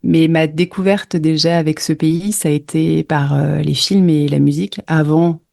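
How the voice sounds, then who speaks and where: A woman's voice: sits low, fairly even intonation, normal speed, vocal fry, warm tone. A French woman guest recounting her travels in a casual interview, hesitant with many fillers and restarts. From France.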